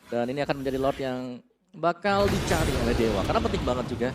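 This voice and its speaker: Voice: medium pitch, lively intonation, fast. An esports analyst with an Indonesian accent explaining the live game in a conversational way. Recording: music behind the voice. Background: music.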